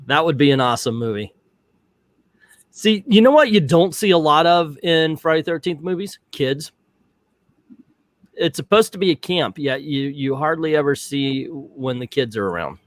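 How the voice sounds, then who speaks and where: A man's voice: a little high, expressive, normal speed, dry recording. A man hosting a casual live movie watch-party commentary, rambling and chatty with lots of fillers. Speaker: host of a movie commentary show. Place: home, Central Florida.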